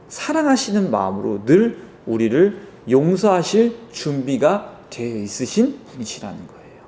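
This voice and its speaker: A young man giving a children's sermon, telling the story in an animated way and addressing the kids directly. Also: on the high side. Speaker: children's ministry pastor.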